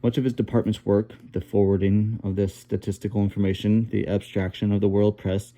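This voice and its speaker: Low, very mellow-voiced male audiobook reader. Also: flat delivery, brisk. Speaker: audiobook narrator. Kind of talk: reading a novel aloud.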